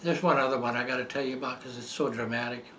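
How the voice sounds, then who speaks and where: An older man recounts a personal story in an earnest, meandering way, often stumbling into "and, um" restarts. His voice sits at an ordinary middle pitch, with a faint hum of ambience behind him. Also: fairly even intonation, fast talker, a bit bright, roomy sound. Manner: rambling, heartfelt, many fillers and restarts. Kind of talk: casual spoken testimony.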